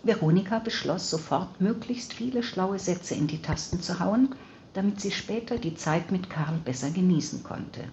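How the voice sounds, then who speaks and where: A woman narrating an audiobook in an even, measured reading voice, on slightly dull audio. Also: lowish voice, a little hiss or hum. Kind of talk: scripted narration.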